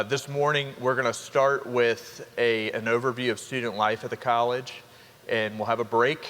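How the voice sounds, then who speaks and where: A young man, a college dean of students giving an upbeat orientation welcome to students and parents, with quick asides to the crowd. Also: on the low side, fairly bright tone. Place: large hall. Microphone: handheld microphone. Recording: reverberant hall with faint ambience.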